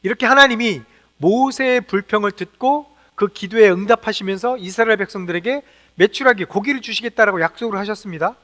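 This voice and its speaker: Male pastor, very high and bright voice, earnest preaching, echoey sanctuary. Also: a little fast. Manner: earnest, exhorting, with rhetorical questions. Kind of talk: sermon. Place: church sanctuary.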